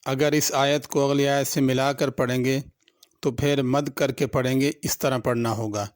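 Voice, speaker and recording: A man with a Pakistani Urdu accent gives a Quran tajweed lesson, patiently and methodically repeating each word slowly before explaining its pronunciation rules. The lesson alternates slow, drawn-out recitation with spoken explanation. His mid-range voice is fairly even, in a dry, clean studio recording.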